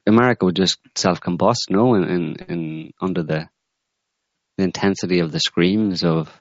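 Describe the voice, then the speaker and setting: Low-voiced guy rambling about politics, lots of restarts, dull dry sound. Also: steady tone, moderate pace, dry recording. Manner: rambling, hesitant, many restarts. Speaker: co-host. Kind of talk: political discussion. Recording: muffled dry audio.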